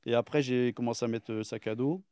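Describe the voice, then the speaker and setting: A man talking in a casual chat, patiently walking through exercise technique with frequent hesitations and restarts. His voice sits at a middle pitch. The sound is dry and close. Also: steady tone, quick pace, mellow, smooth, no room sound. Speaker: guest athlete.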